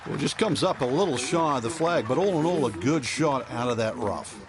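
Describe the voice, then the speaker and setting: A man's voice: medium pitch, animated, moderate pace, crowd noise, background noise. A man working as a golf commentator, giving expert analysis of the course and shots.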